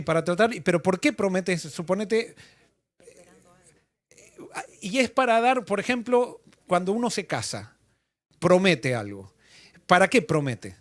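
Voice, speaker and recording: A man's voice: sits high, no room sound. A male pastor leading an interactive Bible study, asking the class questions and repeating their answers.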